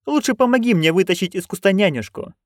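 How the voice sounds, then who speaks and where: A man voicing a young witch woman who speaks in a soft, reasonable, placating way. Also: sits high, animated, quick pace, no room sound, studio quality, pitched above the performer's own voice.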